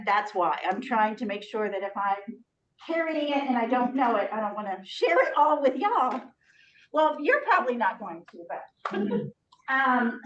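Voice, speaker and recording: A middle-aged woman speaking through a face mask, her voice muffled, giving a halting, encouraging, informal workshop talk. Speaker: ministry trainer leading a teacher training. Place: echoey room, speaking to a group. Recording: muffled, echoey room recording, distant mic, rumble.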